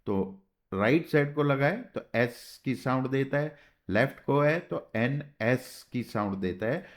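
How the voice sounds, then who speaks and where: Slow, patient man teaching a lesson. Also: mid-range voice, lively intonation. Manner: slow, patient, spells out sounds and checks with "theek hai". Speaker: shorthand teacher. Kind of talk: classroom lesson.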